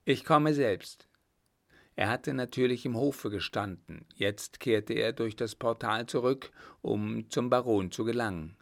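A man narrating an old adventure novel in a measured, even storytelling manner. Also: fairly low pitch, gravelly. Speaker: audiobook narrator.

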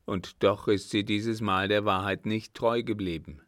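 A man's voice: on the low side, fairly even intonation, a little slow, dry recording, studio quality, lightly acted. A man reading an audiobook, voicing a young lieutenant who defends himself earnestly to a furious countess. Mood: defensive. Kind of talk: audiobook character voice.

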